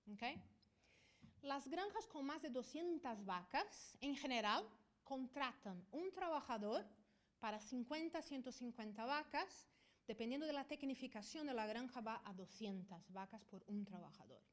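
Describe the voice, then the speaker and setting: At a conference, a middle-aged Brazilian veterinarian and professor speaks Spanish she acquired in Spain, though Portuguese is her first language. Her voice sits high, and she keeps pausing for a quick "ok?".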